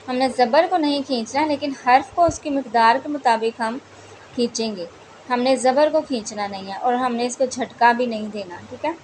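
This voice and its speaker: Woman quran teacher, slow careful drilling of syllables, repeats a lot. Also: sits high, slight background noise. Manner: patient, repeats syllables slowly and loudly for drilling. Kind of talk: slow step-by-step recitation lesson.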